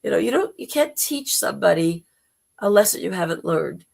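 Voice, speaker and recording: Spiritual livestream host: very gravelly, hoarse voice, informal and gently encouraging delivery. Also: mid-range voice, sing-song, normal speed. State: temporarily hoarse.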